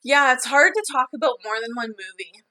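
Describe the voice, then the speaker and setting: A woman with a fairly high, very bright voice chats casually as a podcast co-host. She is agreeable and readily chimes in. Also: expressive, fairly quick. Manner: agreeable, chiming in with short replies.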